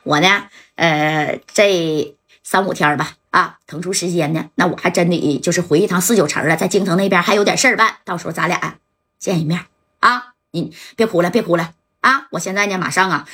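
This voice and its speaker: Woman doing a smooth young playboy, lowered voice, husky edge, coaxing drawl. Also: a bit bright. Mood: soothing. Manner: soothing, boastful, drawn-out phrases. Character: smooth-talking rich young playboy man.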